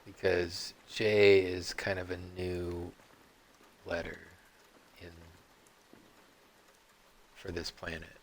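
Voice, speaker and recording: A man streaming a game, rambling off on tangents and often clearing his throat. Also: low-pitched, flat delivery, takes it slowly, long pauses, a little hiss or hum. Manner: meandering, digressive, frequent throat clearing. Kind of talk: rambling live-stream commentary.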